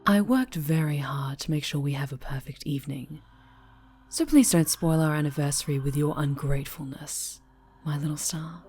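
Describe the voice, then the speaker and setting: A woman's voice: sits low, natural voice. A woman playing a whispering possessive villainess. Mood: cloying. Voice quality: soft breathy whisper. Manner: taunting, cloying, menacing. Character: possessive fallen-hero woman villain with shadow powers. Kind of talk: whispered audio roleplay.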